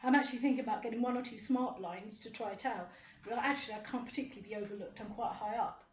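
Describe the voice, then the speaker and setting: A woman's voice: fairly high pitch, fast, echoey room. A middle-aged woman, delivering an indignant, rambling and sarcastic monologue to camera. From United Kingdom. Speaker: vlogger.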